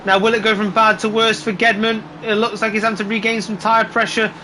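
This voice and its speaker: A man doing live motorsport commentary, calling the race play by play in an excitable, exclaiming way. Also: sits high, a little fast, a little hiss or hum. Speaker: motorsport commentator on a sim racing broadcast.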